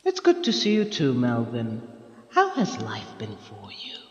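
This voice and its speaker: A sly, theatrical Time Lord villain acted by a man, echoing through a reverberant space. His pitch swings wildly as he teases and draws out his words, in a scheming audio drama manner. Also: huge pitch swings. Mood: mock-friendly. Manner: theatrical, teasing, drawn-out phrasing. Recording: echoey room, long reverb, dull lo-fi sound.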